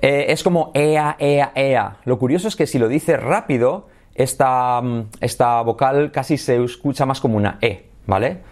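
A man whose first language is Spanish, teaching English pronunciation in a video lesson, who models words slowly and keeps checking in with "¿vale?" and "¿sí?". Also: mid-range voice, darkish tone.

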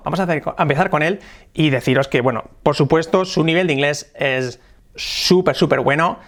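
A man with a Spain Spanish accent teaches English pronunciation in a video lesson. His voice sits a little high for a man, and he slows down to model English phrases. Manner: explanatory, demonstrates English phrases slowly.

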